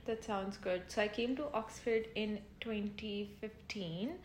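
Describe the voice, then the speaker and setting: A woman's voice: medium pitch, fairly even intonation, unhurried. Chatty young woman in an echoey room. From Pakistan. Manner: chatty, many fillers, laughs easily. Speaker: interviewee. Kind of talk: casual interview chat. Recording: echoey room with faint ambient noise.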